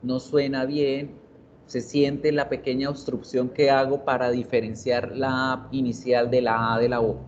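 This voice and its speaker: A man's voice: mid-range voice, highs cut off, slight background noise. A man teaching an online English class, explaining step by step and repeating example words several times.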